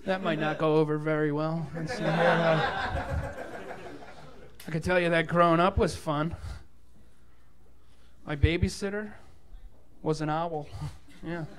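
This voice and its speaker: A man doing a deadpan stand-up comedy set on a comedy club stage. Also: a little high, a little slow, long pauses, a crowd in the background. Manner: deadpan absurd joke delivery. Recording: live club audience behind.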